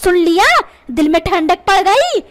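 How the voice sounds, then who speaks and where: A woman's voice: extremely high pitch, animated, moderate pace, background noise. A woman voicing a feisty cartoon mother. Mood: taunting. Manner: bickering, taunting. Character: sharp-tongued feisty mother. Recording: loud background music.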